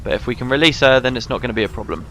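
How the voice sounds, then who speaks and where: A man's voice: mid-range voice, rapid-fire, a bit bright, a little hiss or hum. A man giving casual, informal commentary as he plays a video game, sometimes hesitant. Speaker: video game let's player.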